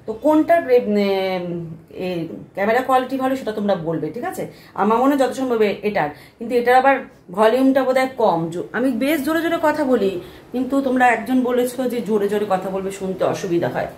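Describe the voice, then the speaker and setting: A soft-spoken woman in her thirties, chatting casually to her phone camera at home in a vlog and grumbling good-naturedly about chores. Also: on the high side, lively intonation, a little fast. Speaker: vlogger. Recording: echoey room with faint ambient noise.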